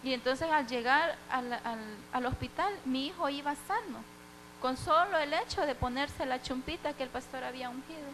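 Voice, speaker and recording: A woman's voice: high voice, normal speed, fairly bright tone, a little hiss or hum, rough recording. A young woman giving a heartfelt church testimony, acting out the dialogue as she tells it.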